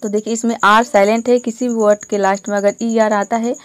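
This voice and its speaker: A woman's voice: a little high, level tone, no room sound. Patient woman teaching in a dry room. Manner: patient, repeats each word slowly. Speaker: English pronunciation teacher. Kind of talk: explaining a lesson to viewers.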